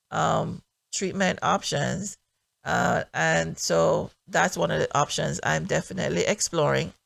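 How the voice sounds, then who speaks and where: A middle-aged woman speaks with a heavily gravelly, fry-laden voice, earnest and reflective, pausing often as she shares her testimony. The sound is close and dry, with no room around it. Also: deep voice, no echo. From Jamaica. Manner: earnest, reflective, many filler pauses. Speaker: podcast host and minister. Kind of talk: personal testimony podcast.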